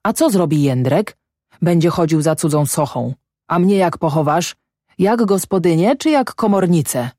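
A feverish peasant wife in a storybook, her voice pitched well above the plain narration, as the reader puts her on. She pleads and curses with slow, heavy emphasis. The sound is dry and close. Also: expressive, mellow, no echo. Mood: furious. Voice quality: cursing, pleading, feverish intensity.

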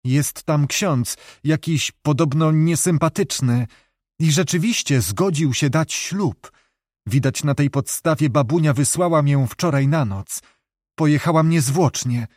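A man voicing a young, genteel woman who speaks softly and anxiously in a novel reading. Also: on the high side, unhurried, no room sound, clean studio sound, close to an everyday voice. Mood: distressed. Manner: soft, anxious, pleading.

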